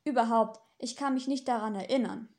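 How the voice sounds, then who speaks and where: A woman's voice: a little high, fairly quick, darkish tone, natural voice. A woman reading as a sarcastic male demon in an audiobook. He talks dry and mocking, with a sneer under every line. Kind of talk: audiobook dialogue.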